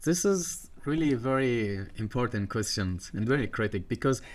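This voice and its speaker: A middle-aged Egyptian man, a water management guest on a podcast interview, speaks in a halting way with many fillers, restarts, and non-native grammar. His voice is mid-range and animated.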